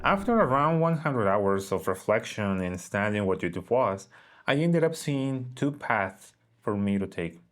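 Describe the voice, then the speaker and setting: Earnest and reflective, a man tells a personal story on his video channel as soft guitar plays. He's a vlogger with a lowish, sing-song voice and a measured pace.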